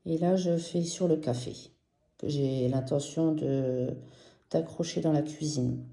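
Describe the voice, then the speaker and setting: A French woman chatting casually and enthusiastically about her embroidery projects in a vlog, slow and gentle with many fillers. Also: deep voice, reverberant. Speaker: embroidery vlogger. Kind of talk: casual show-and-tell vlog.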